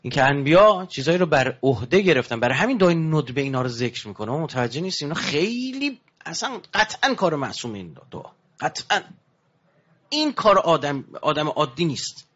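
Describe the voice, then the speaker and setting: This religious lecture comes from a man preaching with animation and climbing emphasis. When he tells a story, his voice sinks low and hushed, all captured on a dull lo-fi recording.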